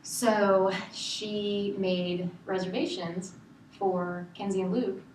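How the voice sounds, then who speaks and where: A woman in a counseling session, telling a story in an animated, exasperated way and acting out other people's lines. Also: medium pitch, slow. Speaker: counseling client. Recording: echoey room, mic at a distance, clear background hiss.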